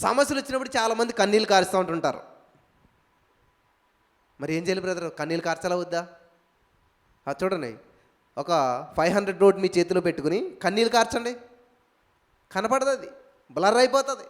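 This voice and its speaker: A man's voice: high-pitched, a little fast, pauses often. A man pastor preaching at a live evening prayer, emphatic, firing rhetorical questions and calling out hallelujahs. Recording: echoey hall reverb.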